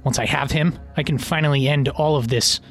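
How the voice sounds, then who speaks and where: A man's voice: medium pitch, fairly even intonation, a little fast, lightly acted. Man playing a bitter, obsessed cosmic villain. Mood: bitter resolve. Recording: music behind.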